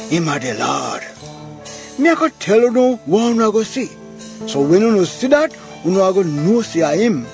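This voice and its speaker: A high Jamaican angel voice, acted by a man, proclaims in Patois like a storyteller. The delivery is lilting and reassuring, made for a dramatised Bible story, with faint music behind it. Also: darkish tone, heavily acted. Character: angel proclaiming glad news to frightened shepherds.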